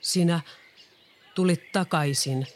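A reader voicing a lonely, gentle enchanted beast in a storybook. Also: medium pitch, slight background noise, natural voice. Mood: tender. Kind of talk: storybook reading.

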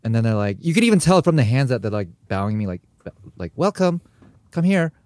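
With a brisk, mid-range voice and no room sound, a young American podcast co-host chats casually, animating his stories by performing the sounds and quotes.

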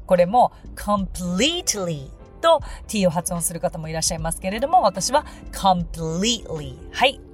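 A woman teaches pronunciation on a podcast, with a low-set voice that swings widely in pitch. She is polite and patient, spelling words out slowly so listeners can repeat after her. Soft music plays faintly underneath.

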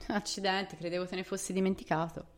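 Woman doing a high shrill voice, doting fussy mom, anxious, loud. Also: fairly even intonation, lightly acted. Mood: dismissive. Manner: anxious, shrill, rapid questions. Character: fussing, doting middle-aged mother.

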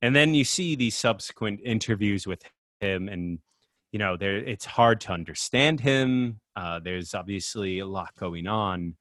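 Male podcast co-host, casual and rambling, lowish voice, dry booth sound. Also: a little slow, fairly bright tone, no echo. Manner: rambling, many fillers and restarts. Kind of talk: casual chat.

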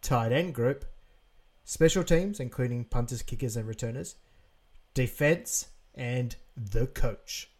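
A man's voice: mid-range voice, slow pace, darkish tone. Laid-back Australian man co-hosting. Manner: laid-back, agreeable, runs a game segment. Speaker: podcast co-host. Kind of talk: casual chat.

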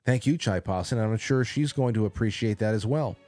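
A man with a smooth radio host delivery, chatting casually and taking listener calls on his show. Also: lowish voice, a little fast, a little mellow, soft background music. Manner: conversational, with frequent fillers.

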